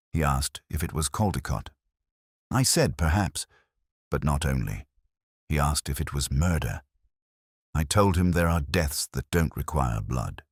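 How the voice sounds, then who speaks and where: A weary, introspective investigator seems to be telling his own detective story, brooding and measured in short literary phrases. The narrator is a man whose voice is extremely low and husky yet expressive in pitch, captured dry and close without any echo.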